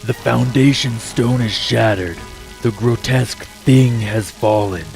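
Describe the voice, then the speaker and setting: A man's voice: mid-range voice, measured pace, creaky, darkish tone, faint music behind. A man voicing a bitter, grandiose villain from underground in a superhero drama, delivering resentful monologues. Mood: gloating menace. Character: bitter, grandiose male underground villain craving eternal night. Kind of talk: scripted superhero audio drama.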